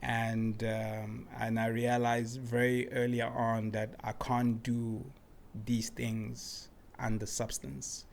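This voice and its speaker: A laid-back, reflective man speaks slowly in a gravelly, mid-range voice, with slight noise in the background. He is a guest artist from the Democratic Republic of the Congo who grew up in Cape Town, chatting casually in an interview. His relaxed manner is dotted with "man" and "you know."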